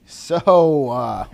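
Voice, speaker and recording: A man in his thirties, a company chief on a podcast, joking in a deadpan way with drawn-out pauses. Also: a little high, gravelly, no room sound. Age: 30s. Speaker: podcast guest, company CEO. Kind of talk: casual podcast chat.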